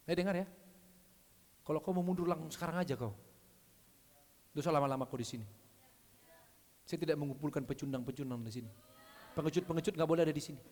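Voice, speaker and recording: A male preacher, giving a blunt, scolding sermon with sudden loud calls. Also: a little high, brisk, pauses often. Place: church hall. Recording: long church hall reverb.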